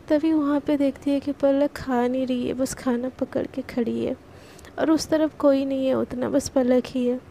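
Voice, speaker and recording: A woman's voice: high voice, dark tone, slight background noise. A woman casually narrating a romance story in a chatty colloquial way, lightly voicing the characters' lines.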